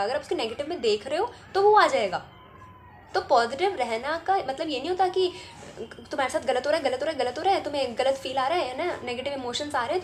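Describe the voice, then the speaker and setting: High-voiced chatty woman giving advice. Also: a little hiss or hum. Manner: chatty, keeps adding "ठीक है?". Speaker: spiritual self-help vlogger. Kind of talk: casual advice talk to camera.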